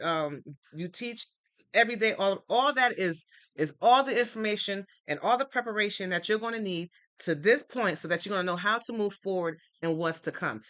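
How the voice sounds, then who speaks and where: A man's voice: high voice, pushed and bright, no echo. A man hosting a live stream, giving earnest, repetitive, faith-based encouragement to viewers. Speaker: livestream host. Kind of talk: motivational live-stream talk.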